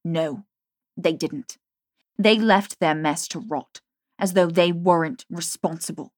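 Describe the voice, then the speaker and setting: A woman's voice: lowish voice, slow pace, no echo, clean studio sound. A woman narrator voicing a bitter, vengeful young woman who speaks with cutting scorn. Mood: furious.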